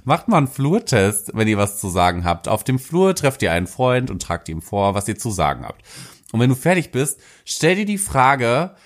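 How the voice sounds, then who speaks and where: A man co-hosting a casual educational show, talking in a lively, slangy, self-mocking way. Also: medium pitch, normal speed. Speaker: co-host.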